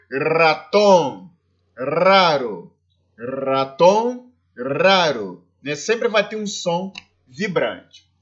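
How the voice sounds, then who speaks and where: A man's voice: fairly high pitch, dull audio. A Brazilian man with a Brazilian Portuguese accent, a teacher giving a recorded lesson and explaining step by step, often checking in with his students. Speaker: Spanish teacher.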